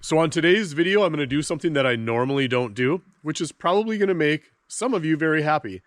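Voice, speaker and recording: A man's voice: fairly high pitch, animated, quick pace, no echo, clean studio sound. A middle-aged man with a stuffed-up head cold, rambling chattily to his viewers as he works outdoors on a rural homestead. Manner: rambling, chatty, talks to viewers while working. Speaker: homesteading vlogger. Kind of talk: casual vlog talk to camera.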